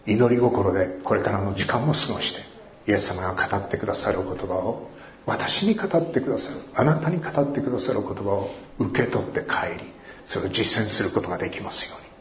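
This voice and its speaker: A male pastor preaching a sermon in an earnest, measured way, repeating key phrases for emphasis. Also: lowish voice, expressive, slight background noise. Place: church worship hall. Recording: echoey church hall.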